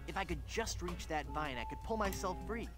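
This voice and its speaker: An actor playing a naive, upbeat young adventurer in a cartoon game, earnest and wry. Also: male voice, high voice, animated, brisk. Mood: wry, observant. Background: loud music.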